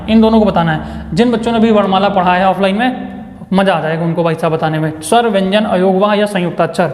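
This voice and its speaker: A man runs an online exam-prep lesson, repeating every question and answer for his students and cheering them along. His voice sits fairly high. The recording carries a long, echoing reverb from the room. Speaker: Hindi teacher.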